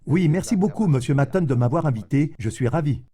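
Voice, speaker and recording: A man voicing an interview guest's answers in a measured, explanatory way. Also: on the high side, lively intonation, warm tone, close to an everyday voice.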